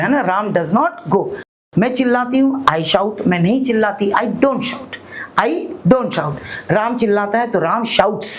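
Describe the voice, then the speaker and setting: A woman with an Indian accent teaching spoken English, explaining each rule step by step, asking her students questions and slowly repeating example sentences. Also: on the high side, rough recording.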